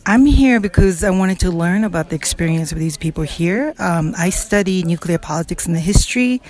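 A woman's voice: lowish voice, expressive, brisk, a little mellow. A woman from Japan, a native Japanese speaker and researcher, talking thoughtfully in an interview. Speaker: researcher at an event. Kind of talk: interview statement.

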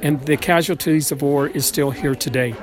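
A man's voice: fairly high pitch, steady tone, moderate pace, music in the background. A man at a march speaking earnestly and emphatically in an interview. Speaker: community member at a march. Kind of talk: interview statement.

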